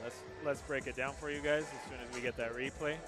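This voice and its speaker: A man's voice: mid-range voice, fairly even intonation, fast talker, over music. A man commentating on mixed martial arts as a fight commentator, often repeating words for emphasis. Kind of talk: MMA commentary.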